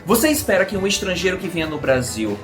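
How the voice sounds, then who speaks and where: A man's voice: high-pitched, big pitch swings, fast talker, over music. A Brazilian man, an English teacher, explaining in a casual video lesson and answering his own questions. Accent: Brazilian Portuguese.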